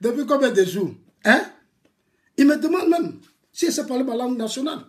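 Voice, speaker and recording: Un homme originaire de Côte d'Ivoire, de langue maternelle bété, avec un accent ivoirien, qui sermonne longuement un rival dans une vidéo et répète ses phrases. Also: male voice, very high voice, animated, brisk. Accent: Ivorian French. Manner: lecturing, repetitive, scolding, bursts of laughter. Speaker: political activist replying to a critic. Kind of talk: heated video rant addressed to a rival.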